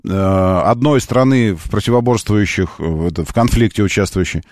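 A man's voice: lowish voice, expressive, a little fast, a little mellow, no room sound, studio quality. A man hosting a live car call-in radio show, talking conversationally and emphatically, arguing his point and repeating phrases. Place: radio studio.

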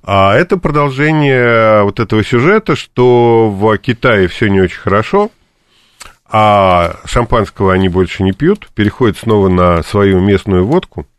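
A man speaks as an expert guest in a radio studio, explaining steadily and pausing on fillers. His voice sits on the low side. The sound is dry and close. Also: clean tone, no echo. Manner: measured, explanatory, many fillers. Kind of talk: radio discussion.

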